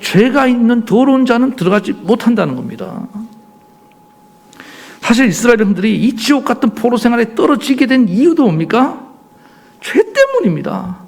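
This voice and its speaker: A man's voice: very high-pitched, sing-song, normal speed, vocal fry, a little mellow. A male pastor preaching a sermon emphatically, pressing the congregation with rhetorical questions.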